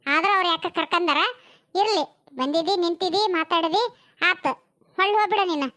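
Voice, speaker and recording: A woman acting out a stubborn village housewife who speaks bluntly in a North Karnataka Kannada accent. Her voice sits very high and rings bright, with rapid rustic phrasing. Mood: harsh. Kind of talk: comic village family drama.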